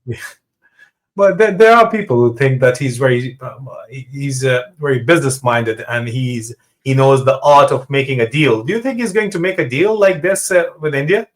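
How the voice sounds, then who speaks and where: A man's voice: medium pitch, lively intonation, moderate pace. A man hosting a political discussion interview, probing his guest and often interjecting short acknowledgements. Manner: probing, with frequent brief acknowledgements. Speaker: host.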